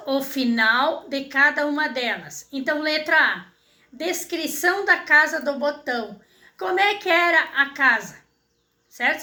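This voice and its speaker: High-voiced Brazilian teacher in echoey room. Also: female voice, pushed and bright. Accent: Brazilian Portuguese. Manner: patient, checks in with "certo?" and "tá?". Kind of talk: explaining school exercises to students.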